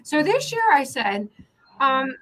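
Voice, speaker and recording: Chatty woman co-host, high voice, tells stories all animated. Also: slow, slight background noise, poor audio. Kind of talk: casual chat.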